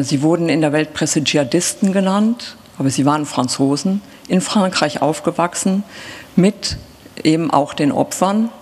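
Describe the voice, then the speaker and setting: A middle-aged woman from Germany talks to an audience from a seated stand mic on a theatre stage. She speaks reflectively and haltingly, searching for words with pauses and fillers. Her voice carries a long hall reverb. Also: on the low side, darkish tone, husky. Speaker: author. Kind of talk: reflective talk before a reading.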